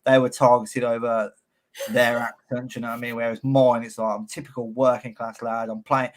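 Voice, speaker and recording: A man's voice: medium pitch, little pitch movement, moderate pace. A man with a Birmingham accent hosting a podcast interview, talking bluntly in laddish banter with plenty of swearing. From Birmingham, England. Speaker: podcast host. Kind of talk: casual interview chat.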